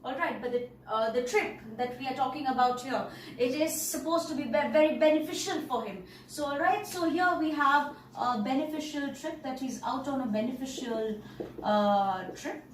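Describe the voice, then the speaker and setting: High-voiced woman teaching from afar. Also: normal speed. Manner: repeats and explains words, many "okay" and "all right" checks. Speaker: English teacher. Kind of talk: classroom lesson explaining a story. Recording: roomy, distant mic, faint noise.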